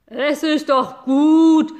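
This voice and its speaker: A woman voicing an old, wise, furious female cow who bellows her threats loudly in a storybook reading. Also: sits high, fairly even intonation, extremely slow, voice pushed up.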